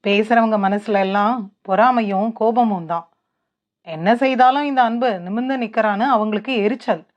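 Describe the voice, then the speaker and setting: A firm, caring young husband, read by a woman storyteller who speaks in a steady, reassuring way. The voice sits fairly high, and the recording is dull and lo-fi. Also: moderate pace, lightly acted. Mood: soothing.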